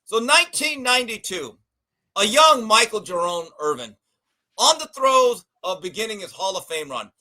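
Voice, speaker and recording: A man hosting a casual sports podcast, telling a story with animated delivery and acted voices. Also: sits high, moderate pace, rough recording. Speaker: podcast host.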